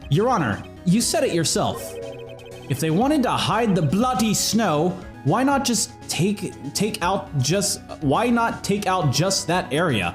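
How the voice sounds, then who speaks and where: A man's voice: sits high, big pitch swings, unhurried, soft background music. A man hosting a playful let's-play, joking and reading game dialogue aloud. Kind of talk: playful game commentary and voicing.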